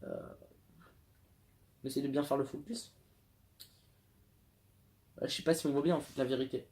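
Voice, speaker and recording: A man's voice: medium pitch, fairly even intonation, moderate pace, a little mellow. A young man chatting casually in a home vlog, rambling through his collectible figures with lots of fillers and self-mocking asides. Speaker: YouTuber showing collectible figures.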